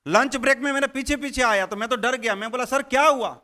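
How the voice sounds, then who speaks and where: Brief: male trainer, high bright voice, animated. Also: quick pace. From Gujarat, India. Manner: animated, quizzes the audience. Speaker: network marketing trainer. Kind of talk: motivational training talk.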